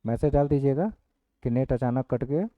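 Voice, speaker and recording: A male teacher giving an online exam-prep class, dictating points slowly and repeating each one. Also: mid-range voice, steady tone, no room sound. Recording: dry, phone-like lo-fi audio.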